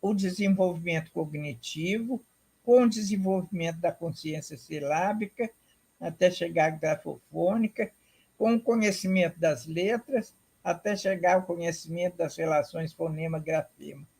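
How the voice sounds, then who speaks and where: A woman giving an academic lecture, explaining slowly and deliberately, repeating herself and checking in with her audience. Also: fairly low pitch, darkish tone, husky.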